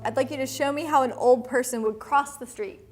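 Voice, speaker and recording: A woman's voice: high voice, fairly quick. A woman interviewing people on camera and giving friendly instructions. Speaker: video interviewer. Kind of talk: interview prompts. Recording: music under the voice.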